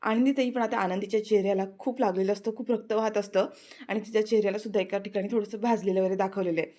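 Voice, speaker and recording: A woman with a Marathi accent, talking through a TV serial episode as a casual recap. Her voice sits at an everyday middle pitch, and she slips into short acted lines for the characters as she goes. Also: fairly even intonation, very fast, mellow. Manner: retells scenes, briefly acting out characters' lines.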